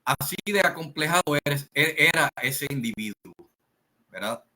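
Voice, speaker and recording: A man with a Puerto Rican Spanish accent telling a family story in a slow, rambling way, full of fillers and restarts. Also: a little high, animated, sharp tone, poor audio. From Puerto Rico. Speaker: channel host. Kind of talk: casual storytelling monologue.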